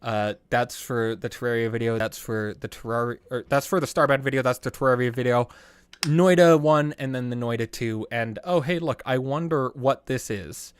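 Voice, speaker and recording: A man's voice: medium pitch, moderate pace, smooth, no echo. Rambling man with a dry, close sound. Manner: rambling, trailing off and restarting, with bursts of excitement. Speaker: YouTuber commenting on his own videos. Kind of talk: casual behind-the-scenes commentary.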